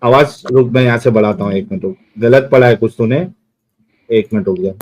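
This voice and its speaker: A man in a middle voice hosting a live online debate stream. He talks briskly and moves the callers along. He thanks his viewers as he goes. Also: medium pitch, a little mellow. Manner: brisk, directing the call. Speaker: host.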